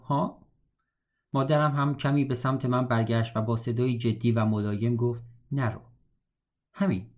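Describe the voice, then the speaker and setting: A man reading a novel aloud in a steady, reflective way, now and then breaking off for wry casual comments. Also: medium pitch. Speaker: audiobook reader.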